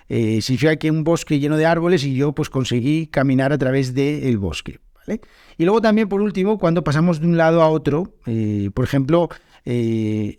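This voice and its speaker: A man explains language points in an unhurried podcast lesson. His voice sits a little high for a man and is recorded close and dry, with no room sound. He fills gaps with many hesitations as he thinks aloud. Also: dry recording. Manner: relaxed explaining with many fillers. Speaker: podcast host and Spanish teacher.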